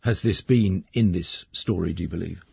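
Man, radio host, low husky voice, measured conversational, dry dull sound. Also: no echo. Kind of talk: radio current affairs presenting.

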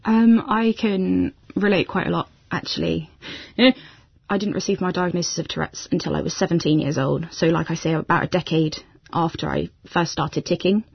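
A young woman recounts her experience as an interview guest in a reflective, plain-spoken way. Her voice is husky with a gravelly edge. The recording is dry and slightly dull. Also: on the low side, fairly even intonation, moderate pace, no room sound. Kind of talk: personal account in an interview.

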